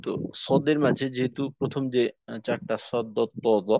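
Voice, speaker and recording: A man's voice: mid-range voice, fairly even intonation, darkish tone, no echo. A man teaching Quran letter pronunciation in a recorded class, explaining each step and then drilling the sounds over and over. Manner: slow, explains steps, then demonstrates sounds in repeated drills. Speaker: tajweed teacher. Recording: dull lo-fi sound.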